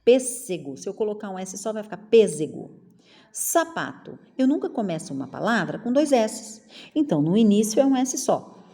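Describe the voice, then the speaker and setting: A middle-aged woman with a Brazilian Portuguese accent, teaching a spelling lesson to children and drawing words out slowly, one at a time. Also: medium pitch, very animated, warm tone. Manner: slow, drawn-out word-by-word enunciation.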